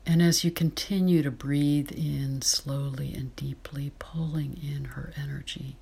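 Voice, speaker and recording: A woman guides a meditation in a soft, breathy whisper. Her voice sits very low and drifts along at an unhurried pace. The tone is husky and airy, calm and soothing throughout.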